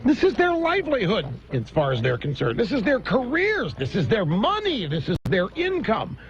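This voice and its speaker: A man hosting a political talk radio show, delivering an animated, mocking monologue. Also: high-pitched, normal speed. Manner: animated, mocking, mimics others in exaggerated voices. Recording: dull lo-fi radio broadcast.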